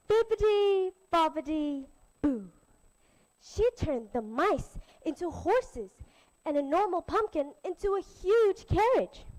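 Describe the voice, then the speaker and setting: A woman's voice: very high-pitched, low-quality recording. A woman telling a fairy tale to children as a storyteller, in a sing-song manner. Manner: slow, lively, sing-song.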